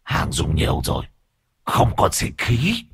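A man's voice: high-pitched, wildly swooping pitch, unhurried, a bit bright, no room sound, studio quality, pitched above the performer's own voice, exaggerated voice. A man voicing a ravenous demon-possessed young woman who hisses her words. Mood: dismissive. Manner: hissing, breathy menace.

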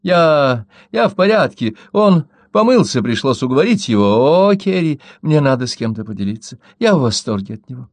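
A man's voice: mid-range voice, big pitch swings, moderate pace, dry recording, voice pushed up, natural voice. A man voicing a giddy, infatuated young woman who gushes breathlessly, in a storybook reading. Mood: gushing. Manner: breathless and gushing.

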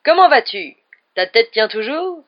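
A woman's voice: expressive, brisk, close to an everyday voice. A woman voicing a boisterous, mocking headless ghost knight who roars and jeers. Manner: booming, jeering. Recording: dull lo-fi recording.

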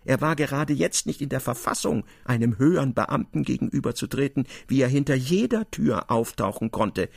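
Man narrating a radio play, husky gravelly voice, very dry, super lively. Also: mid-range voice, normal speed, few pauses, no room sound. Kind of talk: scripted literary narration.

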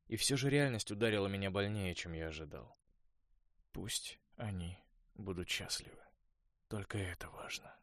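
A male narrator reads a first-person story in a fairly low voice. His delivery is steady and measured. The recording is dry and close, with no room sound. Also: no echo. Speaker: audiobook narrator.

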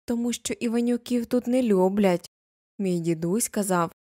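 A woman's voice: medium pitch, normal speed, mellow, no echo, clean studio sound, lightly acted. A woman voicing an unfriendly teenage village boy who speaks in warnings and ominous hints, in an audiobook. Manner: secretive, warning tone.

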